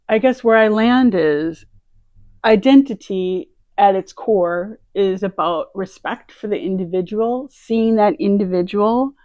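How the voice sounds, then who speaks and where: Slow, reflective woman, dry close sound. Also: mid-range voice, dry recording. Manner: reflective, thinks aloud in short phrases. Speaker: co-host. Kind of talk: casual conversation.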